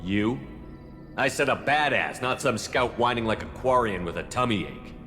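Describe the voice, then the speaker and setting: A man's voice: mid-range voice, expressive, moderate pace, bright, forceful tone. A man voicing a tough, blunt military commander in a video game, direct and commanding. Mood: goading. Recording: reverberant hall, faint music behind. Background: faint music.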